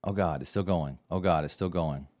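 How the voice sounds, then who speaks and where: Low-voiced man hosting a casual podcast. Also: normal speed, a little mellow. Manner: laughs and stumbles over ornate words while reading. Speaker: podcast co-host. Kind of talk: casual live podcast chat, mock-solemn reading aloud.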